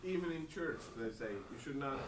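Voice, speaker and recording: A man, a class participant making quick, quiet remarks over a low quality stream. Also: lively intonation. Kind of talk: casual discussion. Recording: noisy echoey distant audio with clicks.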